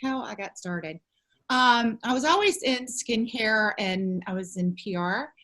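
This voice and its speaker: A woman's voice: a little high, lively intonation, measured pace, pushed and bright. Woman around fifty telling her story. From southern United States. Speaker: beauty company founder, interview guest. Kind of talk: conversational personal storytelling interview.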